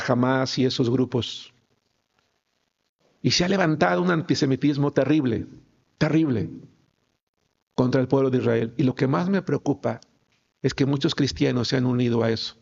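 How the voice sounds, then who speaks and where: A man's voice: mid-range voice, vocal fry, a little mellow. A male pastor preaching a sermon, emphatic and firing rhetorical questions at his congregation. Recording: dull lo-fi recording.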